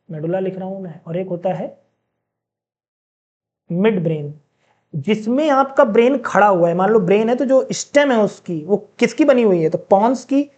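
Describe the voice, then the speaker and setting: Chatty male teacher, mellow voice. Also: sits high, dull audio. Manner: chatty, asks the class questions; mixes in read-out English sentences, slowly. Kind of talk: classroom lecture.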